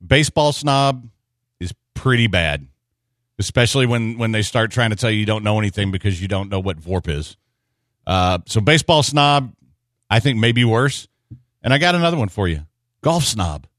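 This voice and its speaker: A man's voice: on the low side, lively intonation, normal speed, a bit bright, no echo, studio quality. An American man hosting a sports radio show with casual, opinionated talk.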